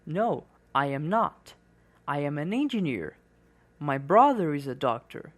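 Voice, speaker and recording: A woman reading the part of a man greeting an old friend, in slow, carefully pronounced English. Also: deep voice, big pitch swings, pitched below the performer's own voice, exaggerated voice. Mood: friendly.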